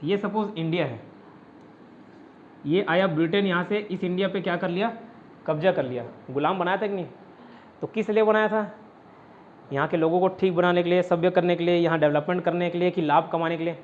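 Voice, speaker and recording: A man with a fairly high voice leads an online exam-prep class. He explains step by step and answers his own questions as he goes. The sound is dull and lo-fi. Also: fairly even intonation, a little fast, long pauses, a little hiss or hum. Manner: often adds "ठीक है" to check understanding. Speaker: teacher.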